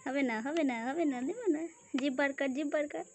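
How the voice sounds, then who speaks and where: Brief: high-voiced woman, coaxing sing-song baby talk to a pet, noisy home recording. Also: fast talker. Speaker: pet owner filming her pet.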